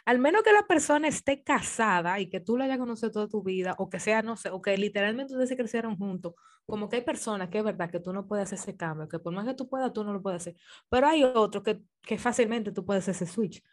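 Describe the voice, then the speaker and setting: Female podcast guest, animated storyteller with easy laughter, middle pitch. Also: fast talker. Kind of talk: casual podcast chat.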